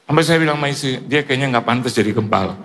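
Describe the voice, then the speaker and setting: A man preaching in a church, telling a funny story with lively quoted asides and frequent laughter. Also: medium pitch, fast, a little hiss or hum. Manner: animated, joking, mimics others in quoted asides. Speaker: pastor. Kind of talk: sermon with humorous storytelling.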